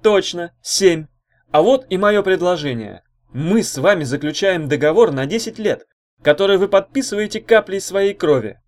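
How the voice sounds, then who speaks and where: A man plays a smooth-talking swindler making a grand pitch to a rough crowd. His voice climbs high and loud, swinging wide as he promises riches. Wheedling, theatrical, relentless. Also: lively intonation, normal speed. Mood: persuasive. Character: slick wheedling male swindler, showy persuader.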